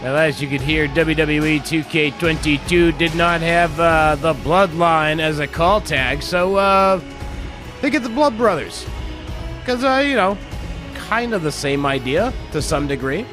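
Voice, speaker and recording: A man hosting and commentating on a wrestling video game, chatty and improvised, with excited play-by-play. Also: fairly high pitch, a little slow, over music. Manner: chatty, self-deprecating, improvised.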